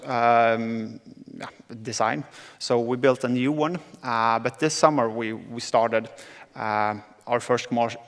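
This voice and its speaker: This young southern Swede, a panel guest with a Swedish accent, has a mid-range, fairly bright voice. He stumbles through his stage talk with many hesitations and fillers, and the conference hall echoes noticeably.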